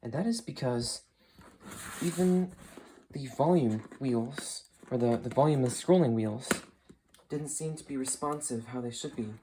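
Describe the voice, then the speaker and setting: Sitting in a small carpeted room at home by a computer desk, a young adult unboxer talks casually about the item in his hands. His mid-range voice is mellow and unhurried, the recording rough, with audible noise, crinkles and clicks.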